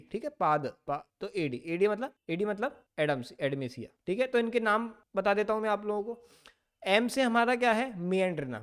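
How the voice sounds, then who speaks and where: Man quizzing and answering himself in a lecture. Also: high voice. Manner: asks questions and answers them himself, mixing Hindi with English terms; reads textbook lines slowly, then explains quickly and playfully. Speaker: biology teacher. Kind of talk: exam-prep lecture.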